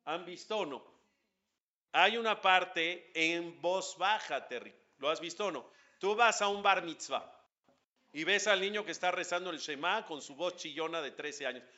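Bright-voiced rabbi teaching a class. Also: male voice, high-pitched, normal speed, muffled recording. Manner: animated, asks the audience questions, chants Hebrew prayers. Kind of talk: lively religious class talk.

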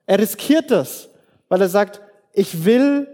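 A man's voice: high-pitched, lively intonation, slow pace, warm tone. A man preaching a conversational sermon, earnest and direct, speaking straight to his listeners. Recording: long hall reverb.

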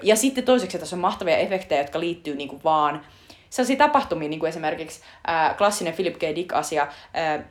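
A woman with a somewhat low voice chats casually as a podcast co-host. She retells film scenes eagerly and keeps reaching for filler words as she goes. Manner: chatty retelling full of fillers, breaks into laughter. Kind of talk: casual chat.

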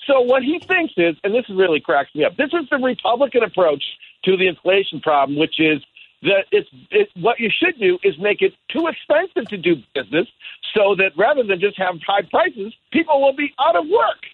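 Caller, male, heard over the phone: high, lively voice, wry and talkative, tinny phone-line sound. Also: fairly quick. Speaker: caller to a radio talk show. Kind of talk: casual political call-in chat.

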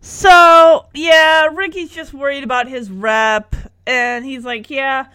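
Woman host, higher register, easygoing slow pace; casual recap, playfully quotes lines. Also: a bit bright. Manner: chatty, acts out lines with "like" quotes. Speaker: podcast host recapping a sitcom episode.

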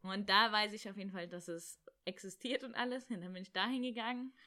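A young woman casually telling a story about her travels, animated and acting out bits of dialogue. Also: medium pitch, fast talker. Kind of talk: casual chat.

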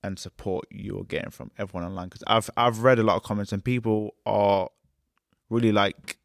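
A man's voice: on the low side, fairly even intonation, normal speed, creaky, dry recording, clean studio sound. A man with a British accent asking questions as a casual, conversational interviewer.

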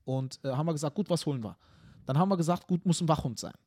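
A man co-hosting a comedy podcast, telling stories animatedly in casual chat and often tagging his sentences with quick questions. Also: fairly high pitch. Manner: animated storyteller, tag questions, acts out scenes.

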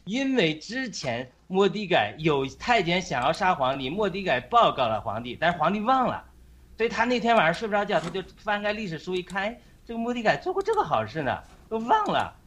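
Halting man retelling a Bible story. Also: sits high, big pitch swings, fairly bright tone, a little hiss or hum. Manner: halting, with frequent fillers and restarts.

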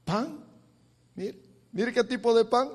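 A man preaching an emotional sermon, swinging from soft talk to loud, fervent scripture reading. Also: very high-pitched, slow pace. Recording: long hall reverb.

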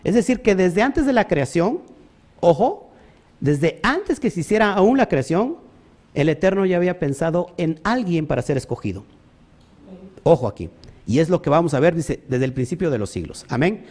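A man teaching a sermon, stressing points emphatically, often calling out to the congregation and pausing with fillers as he searches for words. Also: on the high side, big pitch swings, darkish tone. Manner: emphatic, repeats "ojo" and "amén", talks to the congregation. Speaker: preacher.

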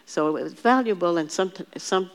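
A woman's voice: lowish voice, expressive, unhurried. Woman patiently teaching a Bible class. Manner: patient, explains word by word, leads the group in repeating terms; thinks aloud with frequent restarts and fillers.

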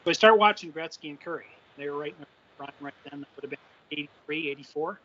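A man's voice: fairly high pitch, fast talker, sharp tone. A man telling a story in a casual, rambling way with many "uh" fillers, his voice clipping and distorting on a remote mic. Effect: clipping, distorted mic audio. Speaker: interview guest. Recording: dull lo-fi remote mic that clips.

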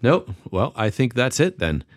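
A man's voice: mid-range voice, sing-song, unhurried, no echo, studio quality. A tired man co-hosting a podcast, chatting casually and rambling with lots of fillers. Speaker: podcast co-host. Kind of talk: casual chat.

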